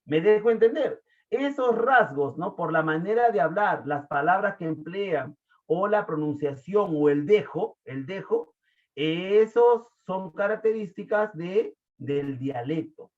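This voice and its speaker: A man from Peru with a Lima accent, teaching an online class in a chatty way, quizzing students and filling pauses. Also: high-pitched, lively intonation. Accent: Lima Peruvian Spanish. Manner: chatty, asks the class questions, many fillers. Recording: tinny phone-like audio.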